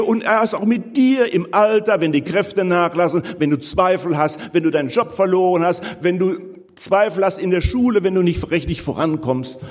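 A man preaching a sermon in a church, emphatic and rising on key phrases, warmly addressing his listeners. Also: sits high. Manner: addresses listeners as "ihr Lieben". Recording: long reverb of a large hall.

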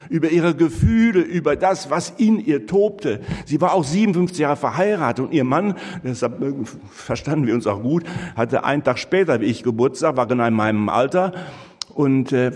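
An older man delivers a sermon in a husky voice. He tells a personal story, acting out the dialogue and filling pauses with "äh". The sound trails off in the long reverb of a hall. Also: medium pitch, darkish tone. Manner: storytelling, with quoted dialogue and many fillers. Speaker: preacher.

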